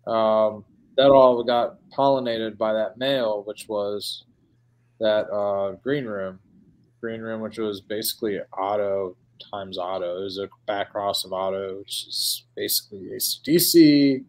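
A man's voice: lowish voice, steady tone, a little slow. Rambling Midwestern guy, casual chat. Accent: Midwestern American. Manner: rambling, filler-heavy, calls people dude and man.

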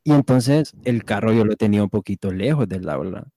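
A young man, chatting casually on a podcast. His voice sits fairly low and mellow, and he laughs here and there as he tells his story. The sound is dry and close. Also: animated, fairly quick, dry recording. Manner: storytelling, laughs while talking. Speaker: podcast co-host. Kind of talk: casual chat.

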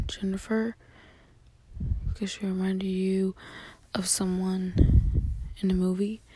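A woman's voice: mid-range voice, no echo. A young woman whispering a rambling, casual voice message to a friend from a closet at home at night. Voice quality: breathy whisper. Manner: rambling, hushed, many fillers.

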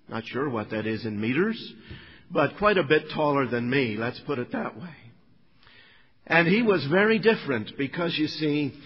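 Earnest preacher in a hall. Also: male voice, a little high, slightly rough, highs cut off. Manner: earnest storytelling with asides to the congregation. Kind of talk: sermon testimony.

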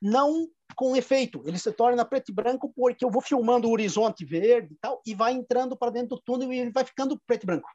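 This very high, darkish male voice belongs to a filmmaker guest with a Rio Grande do Sul accent, talking fast with hardly any pauses. He tells rambling anecdotes in a casual interview, with frequent restarts and laughs, on a muffled recording without echo.

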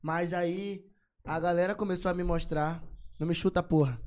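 A young man from São Luís in Brazil with a Maranhão accent, talking excitedly and full of slang in a casual podcast chat. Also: high-pitched, moderate pace, slight background noise. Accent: Maranhão Portuguese. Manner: excited, slangy, laughs easily. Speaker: singer guest.

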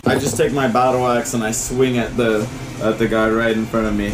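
A man's voice: mid-range voice, level tone, a little fast, background noise. A man playing a tabletop game, chatting casually and stating his moves in plain, salty language.

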